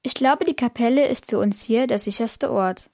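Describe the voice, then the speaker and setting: A curious little angel girl, voiced by a woman in a children's audio story. She speaks in a friendly, lively way on a fairly high pitch, eager to explore. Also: normal speed. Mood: hopeful.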